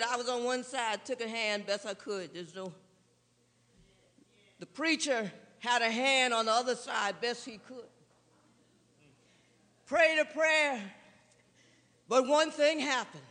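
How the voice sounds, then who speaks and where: A man preaching a sermon, building from slow, quiet telling to drawn-out shouted emphasis. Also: very high voice. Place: large church hall. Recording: long reverb in a large hall.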